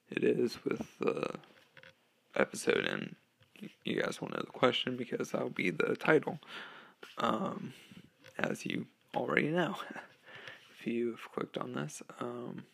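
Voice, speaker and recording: On his casual solo podcast, a teenage boy of sixteen stumbles along with many ums and uhs, now and then laughing. His voice is gravelly and a bit bright, picked up by a cheap home mic.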